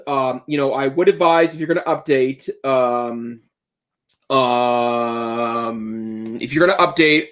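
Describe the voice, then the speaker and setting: A man's voice: medium pitch, a bit bright. A man co-hosting an education technology podcast, giving earnest, opinionated advice in casual talk with frequent restarts. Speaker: podcast co-host. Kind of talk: casual tech chat.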